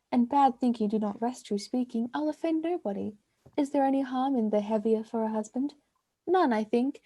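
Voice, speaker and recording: A woman's voice: high voice, warm tone. A woman reading a teasing young waiting-woman. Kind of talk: amateur play reading online.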